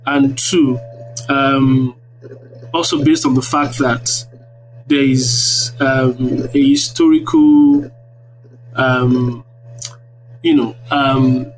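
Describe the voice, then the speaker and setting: This guest, a thirtysomething university lecturer with a Nigerian accent, responds to interview questions in a lecturer's manner, hesitant in phrasing and fond of tag questions. He speaks very slowly and pauses often, his medium-pitched tone steady. The online audio-room connection is very noisy.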